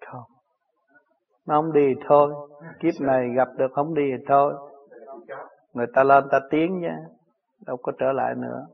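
A man's voice: medium pitch, fairly even intonation, moderate pace, creaky, pauses often, phone-quality sound. A man with a Southern Vietnamese accent, a spiritual teacher answering his disciples' questions in plain, chuckling stories. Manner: chuckling, plain-spoken storytelling.

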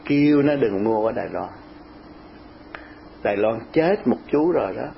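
Older southern vietnamese guy, chatty animated storyteller, dull lo-fi tape sound. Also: mid-range voice, normal speed, vocal fry. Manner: animated, lively storytelling with laughs. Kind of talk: casual storytelling chat. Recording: muffled lo-fi tape with faint hiss.

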